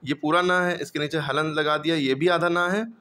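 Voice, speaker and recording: A man's voice: on the high side, fairly even intonation, normal speed, bright, forceful tone. A man teaching English reading in a patient classroom lesson, drilling students with repeated questions.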